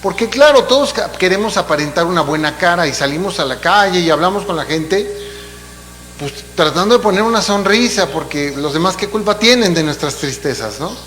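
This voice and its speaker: A man's voice: high voice, expressive, brisk, a bit bright, soft background music. A man preaching a sermon in a church, explaining in a conversational way with asides and rhetorical questions. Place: church hall. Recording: long hall reverb, faint hum.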